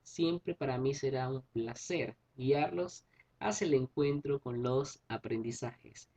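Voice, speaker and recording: A male teacher talks through a class lesson in a husky, slightly rough voice. He explains patiently, circles back to rephrase his points and checks in with his students. The recording sounds dull and lo-fi. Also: mid-range voice, takes it slowly, dark tone. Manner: explains patiently, repeats and rephrases, tag questions.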